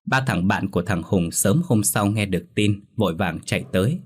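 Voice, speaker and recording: A man narrating a horror story in a steady, measured, scripted way. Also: on the low side, slightly rough.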